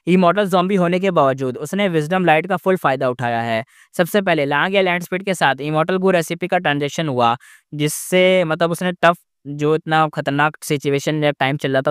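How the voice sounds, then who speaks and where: Male recap narrator, rambling and casual, slightly high and smooth, close dry mic. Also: no echo. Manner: rambling, with frequent fillers and self-corrections.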